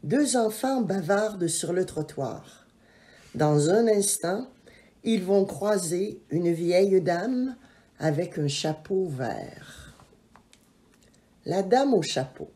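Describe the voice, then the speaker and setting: Slow, expressive woman storyteller. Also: on the low side. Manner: expressive, measured. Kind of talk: scripted children's story narration.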